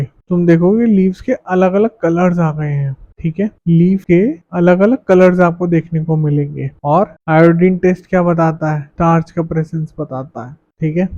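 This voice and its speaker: A man's voice: fairly high pitch, warm tone, highs cut off. A man with an Indian accent teaching a classroom science lesson, asking questions and answering them himself. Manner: mixes Hindi with read-out English lines, asks and answers own questions.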